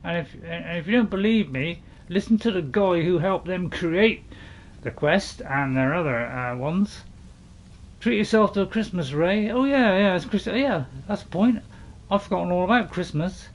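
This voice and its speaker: A man hosting a gaming channel, chatting and rambling through casual gameplay commentary, now and then bursting into loud excited shouts. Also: sits high.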